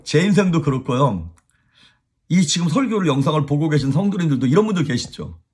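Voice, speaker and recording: Male pastor, casual devotional talk, raspy and animated, with a very lively melody. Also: fairly high pitch, brisk. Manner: animated, chuckles, speaks straight to viewers.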